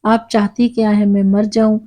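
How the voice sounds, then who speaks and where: A woman voicing an angry grown son who scolds and shouts at his mother. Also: mid-range voice, level tone, natural voice.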